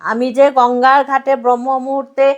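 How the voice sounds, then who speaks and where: A woman religious speaker gives a devotional sermon in a high, level voice at a fairly quick clip, with the high frequencies cut off. She drives her points home through repeated parallel phrases and emphatic lists, and asks her listeners rhetorical questions.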